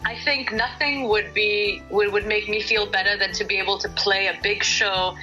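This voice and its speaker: Bright-voiced woman from Singapore. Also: medium pitch, steady tone, moderate pace, lo-fi sound, faint music behind. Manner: candid and earnest, thinks aloud. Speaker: guest singer-songwriter. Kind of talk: radio interview. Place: radio studio.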